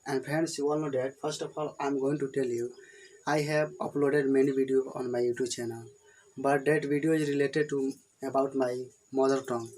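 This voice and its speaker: A Hindi-speaking man from India, with an Indian accent, teaches English grammar at a whiteboard, repeating his points in plain, simple explanations. His mid-range voice is level, a little mellow, and fairly quick, though the recording is rough.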